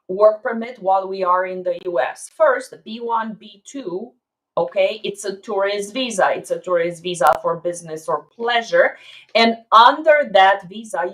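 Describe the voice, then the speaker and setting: A woman's voice: mid-range voice, rough recording. A woman immigration attorney answering viewers' questions on a live stream, explaining step by step and checking in with "okay?".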